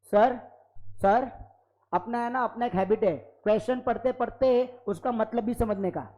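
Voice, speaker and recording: A man teaching an accounting class live in a classroom, lively and constantly prompting students for yes or no. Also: very high-pitched, a little slow, low-quality recording. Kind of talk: classroom lecture.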